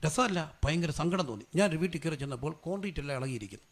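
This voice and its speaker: A pastor preaching at a quick clip, his voice rough with gravel. He shifts from quiet, confiding storytelling to loud, fervent calls to his congregation, pitched a little above most men. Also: expressive. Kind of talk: sermon.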